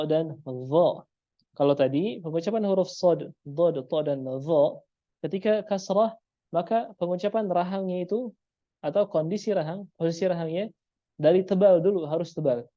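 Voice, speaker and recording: A man teaching pronunciation, repeating each sound slowly to demonstrate it, in a muffled lo-fi recording. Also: a little high, no room sound. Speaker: Quran recitation teacher. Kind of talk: pronunciation lesson.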